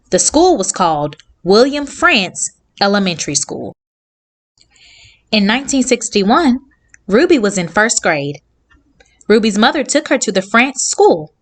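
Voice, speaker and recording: A woman with a medium-pitched voice hosts a children's read-along. She reads aloud and talks to her young audience using simple, clear sentences.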